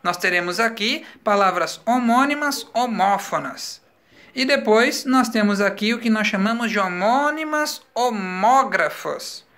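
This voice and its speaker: A male teacher, giving a recorded school lesson and explaining slowly, spelling words out letter by letter. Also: high-pitched, animated, sharp tone.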